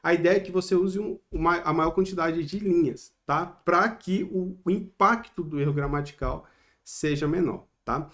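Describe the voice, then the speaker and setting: A man's voice: on the high side, moderate pace, fairly bright tone. A man with a Brazilian Portuguese accent gives an online exam-prep lesson in a slightly raised voice. He explains step by step and keeps checking in with short tag questions, recorded on a close mic.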